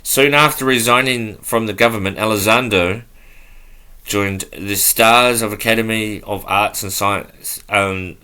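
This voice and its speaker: Slow, halting man with a bright tone. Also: fairly low pitch, fairly even intonation, clean tone. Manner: halting, stumbles over words while reading; offhand and loose. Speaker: podcast host. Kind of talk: casual talk, reading aloud from notes.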